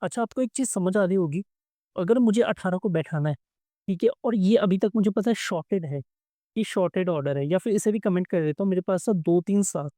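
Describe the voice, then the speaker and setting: A man's voice: high voice, brisk, warm tone, dry recording, clean studio sound. A man teaching a coding problem in a casual, chatty way, talking to viewers as friends and acting out small back-and-forth dialogues. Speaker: coding tutorial instructor. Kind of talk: casual explanatory lesson.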